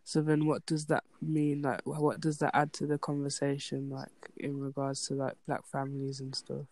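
A man's voice: medium pitch, monotone, moderate pace, darkish tone. A young man, chatting casually among a group.

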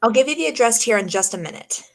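Doing 1940s old-time radio detective acting, a woman plays a wry, skeptical female private eye with an urgent, dry edge. Her voice sits a little high and is gravelly and animated, and she speaks fast. Music runs behind her.

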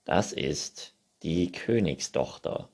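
A man voicing a stubborn, contrary unicorn from a children's story, gruff and curt. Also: extremely low pitch, animated, slow, a little mellow, heavily acted. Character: stubborn grumpy unicorn, always says no. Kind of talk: children's book reading.

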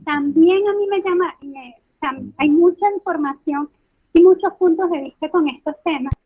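A woman's voice: very high voice, normal speed. A woman with a coastal Caribbean Venezuelan accent, close to coastal Colombian, talking through her opinions casually as a podcast guest on a thin phone-like line. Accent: Venezuelan, coastal Caribbean, sounding like coastal Colombian. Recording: thin, phone-like call audio.

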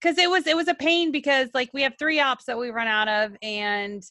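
Woman co-host, bright tone, giggly storyteller, dry close sound. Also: high voice, steady tone, a little fast, no echo. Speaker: dental assistant, podcast co-host. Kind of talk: casual chat.

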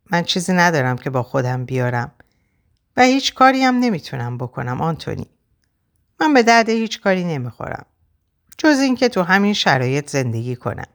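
A woman reading the part of a young married woman torn between her husband and a lover, voiced with pleading emotion. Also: fairly low pitch. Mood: despairing.

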